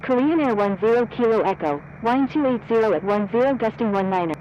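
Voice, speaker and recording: A mid-pitched voice delivers clipped air traffic radio calls in the manner of a pilot over the radio. The phrasing is formulaic and scripted. Faint vehicle-like noise runs behind it. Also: animated, brisk, dull audio.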